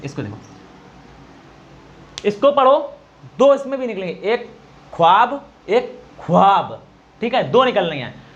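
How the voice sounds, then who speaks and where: A teacher giving a Hindi grammar lesson for exam preparation, explaining slowly and answering his own questions. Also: mid-range voice, dull audio.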